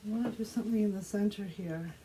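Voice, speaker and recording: Here a woman hosts an art tutorial in a mid-range, mellow voice, casually talking as she crafts and narrating every step without rushing. The audio is rough, and background noise comes through clearly.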